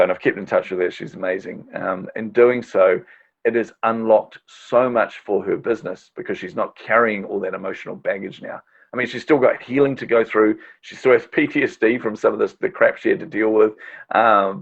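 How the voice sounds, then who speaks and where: A man's voice: lowish voice, fairly even intonation, fairly quick, creaky. A middle-aged man, a podcast host and marketing strategist, telling stories as a guest in a casual interview, enthusiastic and chatty with frequent fillers. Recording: dull lo-fi audio.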